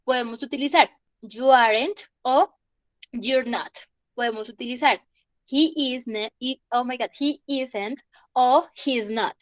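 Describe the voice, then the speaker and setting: A woman's voice: on the high side, a little slow, no room sound. A woman teacher, giving an online class lecture and explaining step by step while checking in with her students. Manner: explains patiently, checks in with "¿listo?". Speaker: English teacher.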